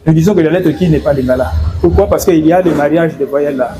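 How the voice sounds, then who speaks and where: A man's voice: on the high side, fast, noisy background. A man from Congo explaining in an interview, hesitant and repeating words and fillers. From Democratic Republic of the Congo. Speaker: guest.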